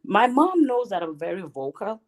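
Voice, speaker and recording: A woman's voice: mid-range voice, moderate pace. A Gambian woman in her thirties, speaking outspokenly in a casual chat, joining a live stream from home. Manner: outspoken, animated, laughs often. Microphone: computer mic, webcam off.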